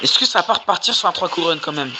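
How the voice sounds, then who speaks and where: A gamer doing casual, slangy, exclamatory live commentary on gameplay, with a mid-pitched voice. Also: lively intonation, rapid-fire, very noisy. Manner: informal, slangy, exclaiming at plays. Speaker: gaming video creator. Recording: music behind the voice. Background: music.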